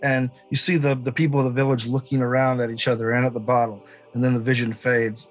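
A man acting as game master, improvising narration for a tabletop game in a halting way. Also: medium pitch, level tone, soft background music, poor audio.

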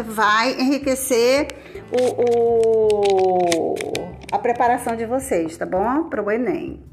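A Brazilian woman teacher with a Brazilian Portuguese accent, explaining a lesson step by step in a chatty way, often checking in with her students. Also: mid-range voice. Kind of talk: casual recorded lesson for students.

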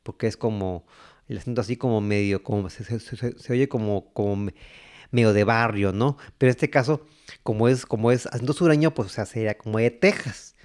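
A man with a Mexican accent giving casual, rambling commentary, halting and repeating words. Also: on the low side, darkish tone. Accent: Mexican Spanish. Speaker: host. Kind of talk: casual commentary on old cartoons.

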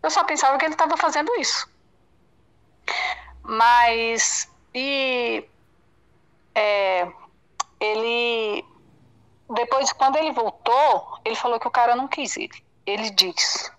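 A Brazilian woman with a fairly high voice tells her story in an interview. She speaks haltingly and circles back on her own words. She slips into the voices of the people in the conversations she recalls. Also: fairly bright tone, rough recording. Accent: Brazilian Portuguese. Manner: halting, repeats herself, acts out dialogue. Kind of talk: emotional personal testimony.

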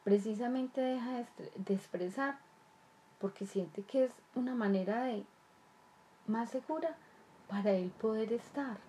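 Earnest woman, mellow voice. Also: fairly high pitch, measured pace, a little hiss or hum. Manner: repetitive, earnest, rhetorical questions. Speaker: child development speaker. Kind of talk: explanatory talk to parents.

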